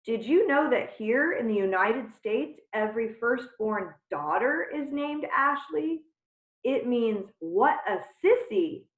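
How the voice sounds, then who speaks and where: A woman's voice: on the high side, animated, slow, voice pushed up. A woman voicing a cheeky fourth-grade boy who teases a classmate, in a children's storybook. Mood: mocking. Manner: mocking. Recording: tinny phone-like sound in a roomy space.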